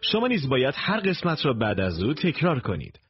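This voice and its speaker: A man narrating a recorded language course in slow, deliberate, instructive steps. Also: medium pitch, huge pitch swings. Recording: dull lo-fi tape recording.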